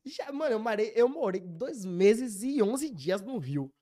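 A man's voice: sits high, a little slow. A man with a Bahian accent, a podcast guest chatting casually and acting out quotes as he tells stories. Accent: Bahian Portuguese. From Bahia, Brazil. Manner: animated storyteller, acts out quotes. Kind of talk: casual chat. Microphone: studio mic, sometimes stepping away.

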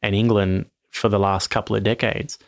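A man's voice: fairly low pitch, little pitch movement, moderate pace, no room sound, clean studio sound. A man co-hosting a casual sports podcast, rambling and self-correcting, a little tipsy from wine. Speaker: podcast co-host.

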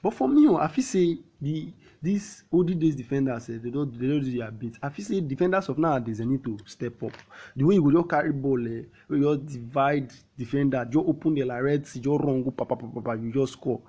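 A man with a Nigerian accent hosting a football talk show in casual Pidgin, animated, repeating himself and throwing out rhetorical questions. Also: mid-range voice, brisk, slightly rough, dull audio. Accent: Nigerian, speaking Pidgin.

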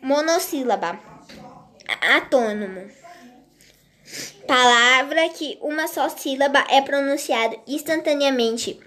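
A woman reading a grammar lesson aloud in a slow, halting way, restarting words as she goes. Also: sits high, fairly bright tone. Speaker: teacher.

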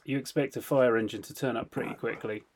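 A man tells a story on a casual podcast, his voice sitting at an everyday middle pitch. He is animated and laughs through the telling. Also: quick pace, a little hiss or hum. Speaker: podcast co-host.

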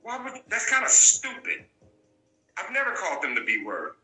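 A man's voice: high-pitched, wildly swooping pitch, moderate pace, sharp tone, reverberant, poor audio. A man talking as an interview guest, telling his story bluntly and repeating key points for emphasis. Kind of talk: candid storytelling.

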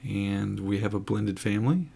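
Guy about forty, podcast chat, low gravelly voice, bit of hum behind. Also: normal speed, warm tone. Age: 40s. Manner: joking, teasing. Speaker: podcast co-host.

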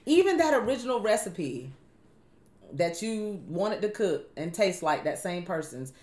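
A woman hosting a faith-based chat, talking in a relaxed, conversational, preachy way. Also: medium pitch, moderate pace, reverberant. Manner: conversational, preachy, uses everyday analogies. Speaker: podcast host.

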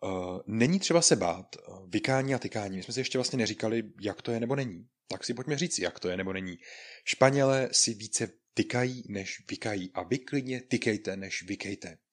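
A man teaching an online Spanish lesson to beginners, explaining patiently, repeating phrases, and acting out greetings in a raised, lively voice. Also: fairly low pitch. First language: Czech.

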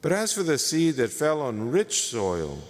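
A man reading the gospel aloud at Mass, slow and measured, in a large church with a cathedral echo. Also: on the high side, wildly swooping pitch. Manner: slow, measured, solemn delivery. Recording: long church reverb.

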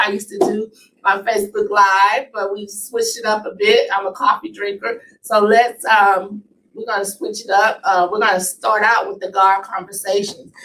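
A woman's voice: medium pitch, distant mic, a little hiss or hum, rough recording. Chatty woman podcast host, stuffy. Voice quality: slightly raspy throat. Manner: warm, chatty, animated with fillers. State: stuffy, sniffling from allergies. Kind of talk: casual podcast monologue.

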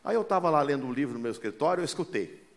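A man's voice: fairly high pitch, very fast. A man preaching a sermon as a pastor, telling folksy stories and often calling listeners "brother". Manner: lively, acts out the voices in his stories.

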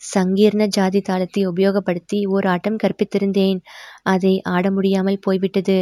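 A woman's voice: mid-range voice, completely flat delivery, normal speed, mellow, no room sound, clean studio sound, lightly acted. A woman voicing a devoted, earnest older male sculptor in a storybook reading, with humble, deferential speech.

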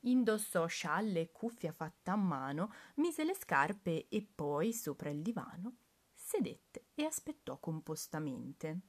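Slow, low-voiced woman reading a rhyme story. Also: sing-song, slight background noise.

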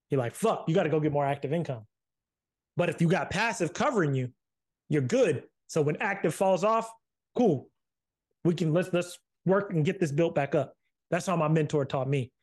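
A man co-hosting a podcast in casual chat, talking in animated bursts, repeating himself and swearing casually. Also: on the high side, normal speed. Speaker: podcast co-host.

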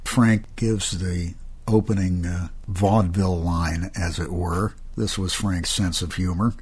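An older man, a jazz musician, reminiscing in an anecdotal way with a husky voice. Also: low voice, steady tone, unhurried, a little mellow.

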